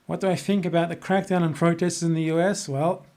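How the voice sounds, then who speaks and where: Speaking fast in a higher, dark-toned voice with a steady delivery, this Australian livestreamer fields questions from chat. His improvised political commentary comes across as sardonic, blunt, and full of opinions.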